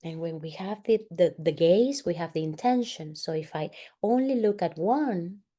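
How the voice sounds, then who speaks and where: A woman facilitator, an English speaker, leading a family constellations exercise in a slow, soft-spoken guided-meditation style with long pauses. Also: lowish voice, expressive.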